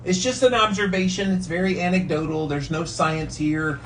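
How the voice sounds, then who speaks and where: A man's voice: a little high, steady tone, moderate pace, fairly bright tone. Man, American accent, speaking while in ice-cold water, casual rambling vlogger, slangy and emphatic, mic at a distance, faint background noise. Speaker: vlogger doing a daily challenge. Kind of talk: casual rambling vlog talk.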